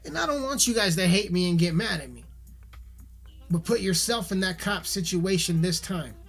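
A man's voice: high-pitched, expressive, moderate pace, gravelly, a bit bright, husky. A man giving a heated, profanity-filled video rant, swearing constantly and repeating himself, with faint music behind him. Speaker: musician ranting on camera.

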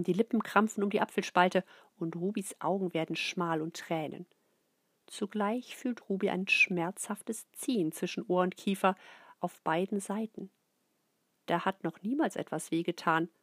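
A middle-aged woman reads a children's book aloud. Her voice is breathy and close, with a dry sound and no room echo. She is expressive and often sinks into soft whispers. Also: medium pitch. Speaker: narrator.

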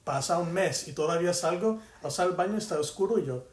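A man's voice: on the high side, animated, fairly quick, reverberant. A man co-hosting a podcast in casual chat, telling stories animatedly and switching between Spanish and English. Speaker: podcast co-host.

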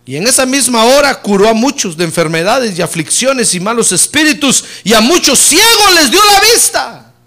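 High, lively-voiced preaching pastor. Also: male voice, moderate pace. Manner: preaching with humor, rising loud on key points and dropping low and soft on "hermano". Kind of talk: sermon.

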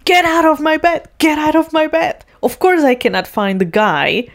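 A woman doing a frantic, shrill single mom. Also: slow pace, exaggerated voice. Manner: shrill, exclaiming. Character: frantic desperate single mom in her forties.

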